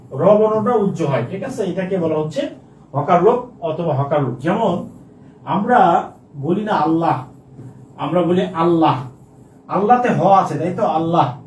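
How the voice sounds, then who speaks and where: Roomy, high-voiced male Bangla teacher. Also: expressive, moderate pace, darkish tone. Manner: repeats words, drills students, recites romantic verse. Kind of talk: online class lecture. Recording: roomy distant mic with faint noise.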